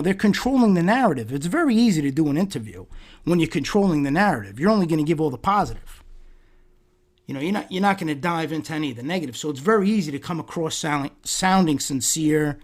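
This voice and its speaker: A man hosting a solo podcast, talking through rhetorical questions in a sarcastic tone and often repeating words and restarting. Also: fairly high pitch. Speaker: podcast host.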